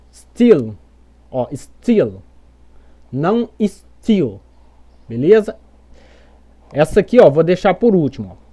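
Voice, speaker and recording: Brazilian woman teaching pronunciation, lowish mellow voice, patient, keeps checking in. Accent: Brazilian Portuguese. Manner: patient, repeats examples, keeps asking "beleza?". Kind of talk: explanatory lesson.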